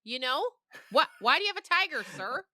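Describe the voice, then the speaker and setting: A podcast guest who writes children's books chats and tells anecdotes in a dramatic, emphatic, animated style. Her voice sits high with big pitch swings, pushed and bright, at normal speed with no echo.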